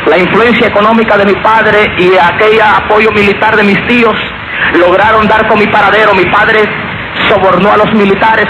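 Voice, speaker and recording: A Guatemalan man preaches his testimony earnestly, calling the listeners brothers, in a high voice that stays fairly level. The recording is dull and lo-fi. Loud noise runs behind him throughout. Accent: Guatemalan Spanish. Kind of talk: testimony sermon.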